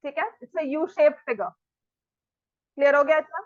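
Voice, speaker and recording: A high-voiced woman teaches maths to a class and keeps checking that the students follow. She scolds the students firmly and talks straight to them. The sound is dry and a little dull, like a lo-fi recording. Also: measured pace, no room sound.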